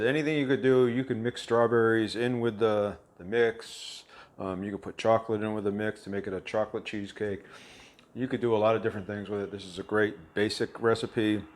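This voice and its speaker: A man hosting a casual home cooking vlog, talking in a halting way with many fillers and restarts. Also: lowish voice, a little hiss or hum. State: talking with his mouth full. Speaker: cooking channel host.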